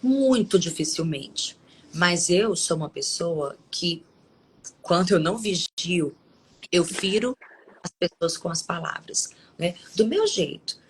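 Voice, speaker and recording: A woman with a lowish voice hosts a devotional live stream. She talks in a loose, conversational way and pauses to read Bible verses aloud. A faint hiss sits under the voice. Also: animated, low-quality recording. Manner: conversational, with frequent tag questions and restarts. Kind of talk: devotional talk and scripture reading.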